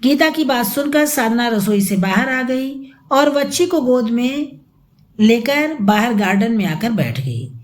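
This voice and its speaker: Brief: woman narrator, audiobook story, high voice, expressive and dramatic. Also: unhurried.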